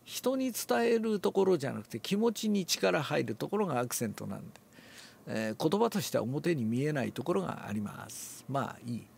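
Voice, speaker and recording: An older man, relaxed and musing aloud, explains a classical Japanese text before reading it aloud and demonstrates with his voice. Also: on the high side, a little fast, creaky, husky. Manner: relaxed, talks to himself, demonstrates accents aloud. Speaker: reading teacher.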